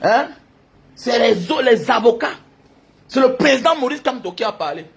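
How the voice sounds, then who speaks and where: A man's voice: extremely high pitch, expressive, moderate pace, vocal fry. A man delivering an impassioned, hectoring monologue, repeating points emphatically and breaking into laughter. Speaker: commentator addressing online critics.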